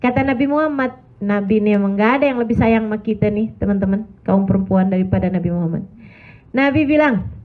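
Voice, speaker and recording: A middle-aged woman preaching to women in a chatty, lively storytelling way, acting out the people she quotes. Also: mid-range voice, quick pace. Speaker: Islamic preacher. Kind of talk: religious talk to women. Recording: tinny phone-like recording.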